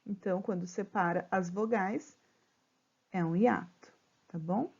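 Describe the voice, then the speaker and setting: A Brazilian woman teaching a remote grammar lesson to children, patiently spelling out syllables slowly and checking in often. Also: mid-range voice, vocal fry, a little mellow, breathy edge, lo-fi sound. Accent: Brazilian Portuguese.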